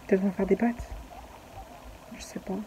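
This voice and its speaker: A woman's voice: medium pitch, steady tone, normal speed, warm tone, dull audio, a little hiss or hum. A young woman vlogging casually, rambling with many fillers and restarts. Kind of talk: casual chatty vlog.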